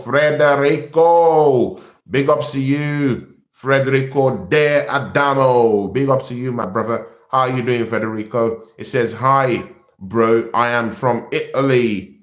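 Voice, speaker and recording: A young man from Nigeria hosting a football channel in casual live-stream chat, animated and repetitive, calling his viewers "people". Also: medium pitch, a little slow, reverberant.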